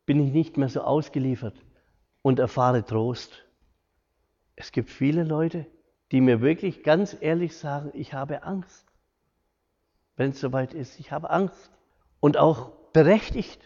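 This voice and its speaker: A man's voice: a little high, warm tone. A middle-aged man, giving an informal talk from his hospital work, earnest and homely, acting out quoted dialogue. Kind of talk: informal lecture with personal stories. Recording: echoey hall, dull lo-fi sound.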